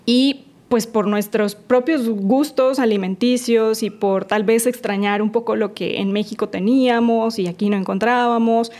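A woman's voice: on the high side, steady tone, normal speed, few pauses, a little mellow. A woman in her forties from Colombia with a Colombian Spanish accent, a guest entrepreneur talking on a podcast interview, chatty and laughing often.

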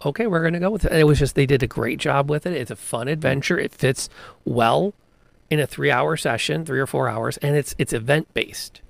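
A man's voice: mid-range voice, moderate pace, gravelly, dry recording. A man in casual chat, telling game stories with lots of enthusiasm and restarts. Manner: enthusiastic storytelling with many restarts. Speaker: podcast co-host, game master. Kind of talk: casual chat about tabletop gaming.

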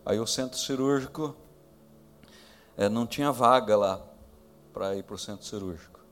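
A man, a pastor, telling a personal story in a sermon, acting out quoted voices high and loud, then dropping to hushed tones. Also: moderate pace. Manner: drops to hushed tones in tender moments.

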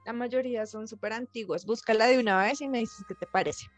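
A woman hosting a podcast, telling spooky stories in a jokey, excitable way. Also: on the high side, a little fast, faint music behind. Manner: excitable, jokey, reacts loudly. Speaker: podcast host. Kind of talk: casual chat telling paranormal stories.

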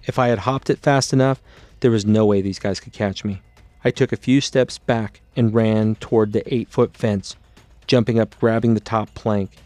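A man narrating his own memoir as an audiobook in a steady, low-key storytelling delivery. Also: no echo.

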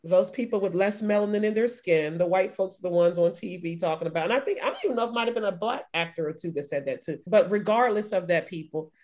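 A woman in her forties chats casually as a podcast co-host. She tells her story with animated energy and laughs often. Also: fairly low pitch, quick pace, few pauses. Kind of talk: casual chat.

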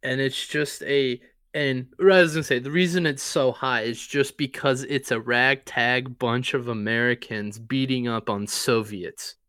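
A man co-hosting a podcast, chatting casually about his favorite movies in a relaxed, rambling way. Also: mid-range voice, a little slow, few pauses, clear, resonant tone, no room sound, studio quality. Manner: relaxed, rambling, with fillers and swearing. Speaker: podcast co-host.

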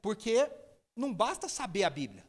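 A man preaching a sermon, telling stories lively and imitating people with sudden high shouts. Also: moderate pace.

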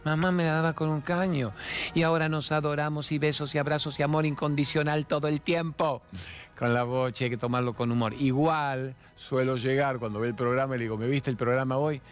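A man in his sixties with an Argentine accent, hosting a TV talk show in a fast, playful, expressive way that moves from jokes to spiritual reflection. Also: mid-range voice. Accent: Argentine Spanish. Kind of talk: chatty monologue with humorous anecdotes and sponsor mentions.

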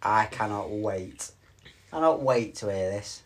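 A man's voice: fairly low pitch, expressive, takes it slowly. A middle-aged man, co-hosting a casual podcast with a playful, teasing and mock-stern manner. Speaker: podcast co-host. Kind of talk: casual chat.

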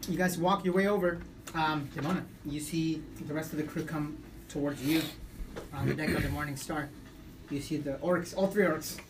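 Laughing game master narrating a tabletop game. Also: male voice, a little high, steady tone, normal speed, far from the mic. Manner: laughs easily, asks players questions. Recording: noisy background.

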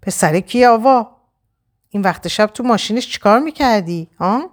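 A woman's voice: medium pitch, darkish tone, voice pushed up, lightly acted. A woman reading a story aloud, voicing an angry, mocking husband who scowls and threatens. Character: angry menacing husband, grown man.

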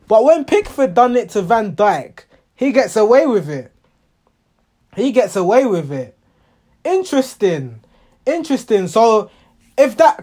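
A man with a hoarse, high-pitched, slightly mellow voice recaps a football match like a passionate, exasperated fan, often repeating himself.

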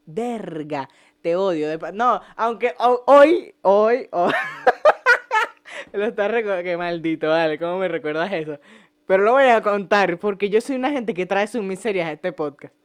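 On a home podcast set, a young host with a Venezuelan accent speaks at normal speed in a high-pitched, clean voice. His storytelling is profane and jokey, with frequent laughter.

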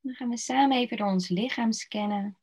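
A woman guiding a slow body-scan relaxation meditation in a soft, soothing voice with long pauses. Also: a little high, husky. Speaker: meditation guide. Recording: dull lo-fi recording.

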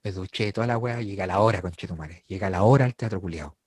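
A young Chilean man telling a story in a casual chat, animated, laughing and full of slang. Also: deep voice, fast, husky, no echo. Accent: Chilean Spanish.

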